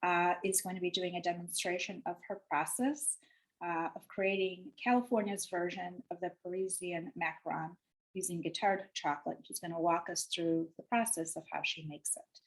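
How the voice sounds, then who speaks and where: A woman's voice: fairly low pitch, fairly even intonation, moderate pace, low-quality recording. A woman hosting a webinar over a video call, reading announcements and introducing guests, with frequent uh fillers. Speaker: webinar host.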